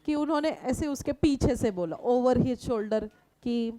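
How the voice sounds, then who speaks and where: A woman teacher explaining a story to students, reading lines slowly and then explaining them in simple words with frequent checking questions. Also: on the high side, animated, dark tone, dry recording, rough recording. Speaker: English teacher. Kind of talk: classroom lesson explaining a story in Hindi and English.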